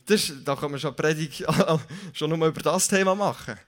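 A young man with a Swiss German accent preaching a casual, lively sermon, joking and correcting himself as he goes. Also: fairly high pitch, a little fast.

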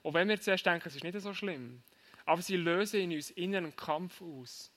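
A man preaching to young people, telling a lively story and asking his listeners direct questions. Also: high-pitched, normal speed.

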